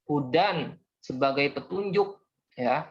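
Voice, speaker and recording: A man's voice: fairly high pitch, lively intonation, slow pace. Man teaching a class over a call, patient. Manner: patient, explains step by step, calls on students. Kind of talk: online class lesson. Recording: dull lo-fi audio.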